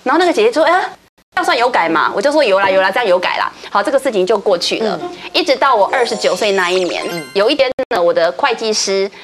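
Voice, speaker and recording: A woman, a talk show guest telling a story in a lively way, acting out other people's lines. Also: mid-range voice, quick pace, over music. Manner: lively, acts out others' lines, laughs often. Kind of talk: animated storytelling.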